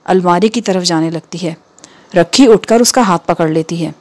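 A woman narrating a story, reading it aloud in an even, measured way. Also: on the low side.

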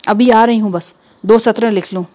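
A woman's voice: on the high side, steady tone, warm tone, natural voice. Woman doing a flustered scolding housewife. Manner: exclaiming, scolding, fussing. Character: busy flustered housewife, Begum.

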